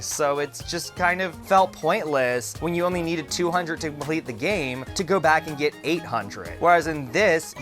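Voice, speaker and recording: A man who is a drag queen, giving a casual, opinionated game review in a campy, expressive, freely swearing manner. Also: fairly high pitch. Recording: music under the voice. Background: background music.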